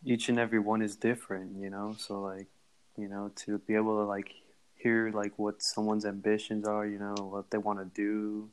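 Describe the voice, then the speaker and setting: A man's voice: lowish voice, completely flat delivery, moderate pace, a little hiss or hum, low-quality recording. A young man co-hosting a casual podcast, rambling with lots of fillers, with a sore throat. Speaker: podcast co-host. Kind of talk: casual chat.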